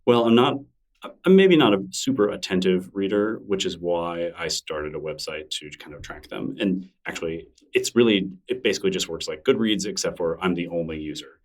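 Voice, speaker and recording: Speaking as a podcast guest in a casual interview, a middle-aged man with a deep, low voice talks at a moderate pace. He rambles in a relaxed, self-deprecating way, frequently restarting sentences, and sits slightly away from the mic.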